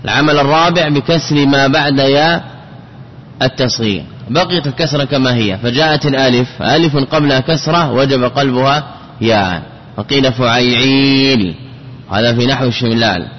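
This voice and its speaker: A man's voice: medium pitch, a little fast, breathy edge. A man teaching a classical Arabic grammar lesson, repeating words and spelling out patterns syllable by syllable. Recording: dull lo-fi recording with long reverb and faint noise.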